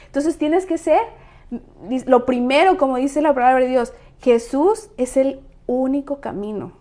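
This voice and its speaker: A woman's voice: high voice, unhurried, mellow. A middle-aged woman talking earnestly about faith and prayer, her voice rising with emphasis. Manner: earnest, emphatic, preacherly rises. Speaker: co-host of women's ministry talk. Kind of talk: casual faith talk.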